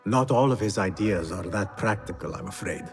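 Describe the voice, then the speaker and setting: An actor playing a sceptical, level-headed young assassin with a dry, understated manner in video game dialogue. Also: male voice, lowish voice, animated, moderate pace, soft background music.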